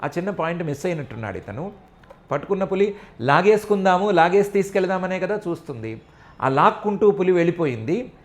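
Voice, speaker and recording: A man's voice: sits high, sing-song, brisk. A middle-aged man with a Telugu accent giving a devotional scripture discourse, chanting Sanskrit verses and then explaining them in storytelling fashion. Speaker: scripture expounder.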